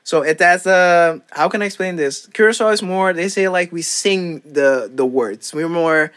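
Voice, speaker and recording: A man's voice: high voice, a bit bright, smooth. Rambling young man from Curaçao. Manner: rambling, halting, full of fillers and restarts. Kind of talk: casual chat.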